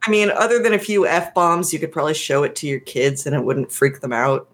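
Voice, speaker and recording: A woman with a lower-pitched voice chats through a movie review, casually retelling the plot. She laughs easily as she talks it over with a co-host. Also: steady tone, brisk. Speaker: podcast co-host.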